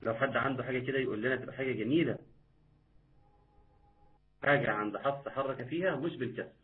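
Egyptian-accented male recitation teacher, live online class, patient and repetitive, quizzes viewers, tinny phone-like sound, mid-pitched voice. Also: quick pace. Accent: Egyptian Arabic.

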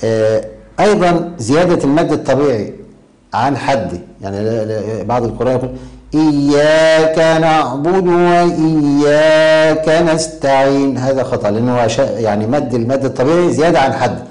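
A man gives a recitation lesson, explaining each point in a measured way and pausing as he searches for words. His voice sits at an ordinary middle pitch for a man. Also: a little mellow, low-quality recording. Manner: measured, with hesitant pauses. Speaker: Quran recitation teacher. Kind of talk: recitation lesson with chanted examples.

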